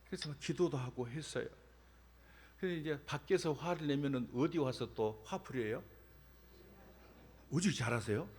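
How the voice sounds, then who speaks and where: In a husky, medium-pitched voice, a middle-aged Korean man delivers a sermon at a moderate pace, pausing often as he tells personal stories and acts out the dialogue with animation. Long reverb from the church sanctuary hangs on every word.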